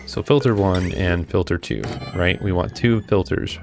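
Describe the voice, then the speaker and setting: Man, low voice, casual gameplay commentary, thinking aloud, background music. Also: normal speed, creaky. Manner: thinking aloud, talking to himself while playing. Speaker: gameplay video host.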